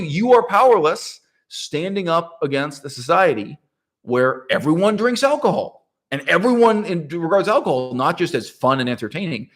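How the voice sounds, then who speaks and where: A man talking through a political topic in a casual monologue, rhetorical and animated, often checking in with "right?" and laughing mid-sentence. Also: on the high side. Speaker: political commentator.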